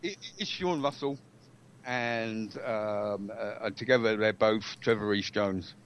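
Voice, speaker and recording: A man's voice: lowish voice, measured pace. A man speaking as a guest over a call, insistent and stumbling over repeated words, his voice cutting in and out. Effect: voice cutting in and out on a breaking call line. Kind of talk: casual interview over a call. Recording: muffled lo-fi call line dropping out.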